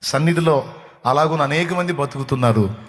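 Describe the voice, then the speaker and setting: A man's voice: on the high side, normal speed, slight background noise. A man preaching a sermon as pastor, emphatic and repeating phrases for stress. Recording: echoey hall with long reverb.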